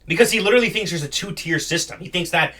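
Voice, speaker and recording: Male online commentator, bright forceful voice, slangy and mocking. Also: sits high, quick pace. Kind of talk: casual reaction commentary.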